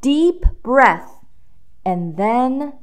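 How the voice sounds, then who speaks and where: A woman reads a picture book aloud to young children, asking them questions as she tells the story. Her fairly high, smooth voice swings expressively up and down, very animated yet very slow, and she stresses key words dramatically.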